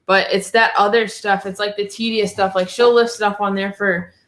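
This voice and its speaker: A woman's voice: mid-range voice, fairly even intonation, moderate pace, a bit bright. A woman in her twenties co-hosting a casual live chat, blunt and chatty. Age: 20s. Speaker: co-host. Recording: roomy echo.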